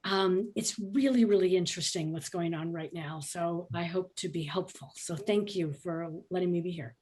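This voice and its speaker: A woman's voice: fairly low pitch, moderate pace, a little mellow. A middle-aged woman speaks as a guest on a conference panel. She sounds enthusiastic and passionate, with a few ums along the way. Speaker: hospitality trainer and author. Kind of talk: conference panel self-introduction.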